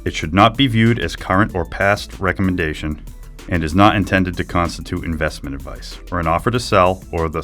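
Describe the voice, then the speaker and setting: A man reading a legal disclaimer at the end of a podcast in a steady, formal way. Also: low voice. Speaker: disclaimer announcer.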